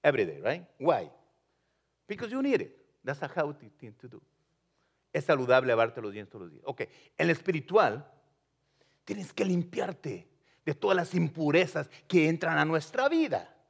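A male pastor preaches in a relaxed, conversational way. His voice sits a little high, and he moves between two languages as he talks to the congregation. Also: moderate pace, vocal fry, slightly rough. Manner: switches between Spanish and English, conversational preaching. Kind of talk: bilingual sermon.

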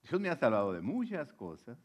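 A man's voice: mid-range voice, wildly swooping pitch. A man preaching a sermon, retelling scripture dramatically and asking the listener direct questions. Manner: dramatic pulpit delivery, slowing to stress quoted scripture.

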